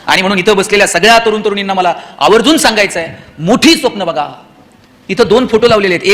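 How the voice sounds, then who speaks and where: A man's voice: high voice, sharp tone. A man giving a motivational speech to a hall of students, throwing rhetorical questions at the audience. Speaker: motivational speaker.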